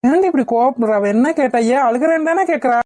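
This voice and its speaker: A woman's voice: high voice, fast talker, mellow, no room sound, studio quality, voice pushed down. A woman voicing a stern young husband in a cartoon, speaking curtly and scolding. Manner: curt, scolding.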